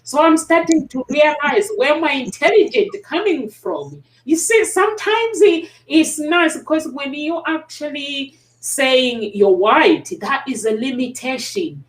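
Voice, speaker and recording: A woman hosting a talk show, speaking in a halting, casual way with many pauses and restarts. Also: high-pitched, lively intonation. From South Africa. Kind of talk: casual conversation. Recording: roomy sound, distant mic.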